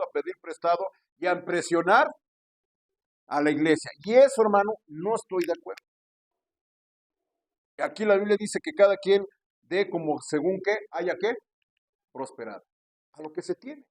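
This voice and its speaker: A male pastor preaches in a fairly high voice, calling out to his congregation as he goes. The sound is dry and close, with little room around it. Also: dry recording. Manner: preaching with frequent call-outs to the congregation; acts out quoted pastors with pushy raised voice. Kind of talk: sermon.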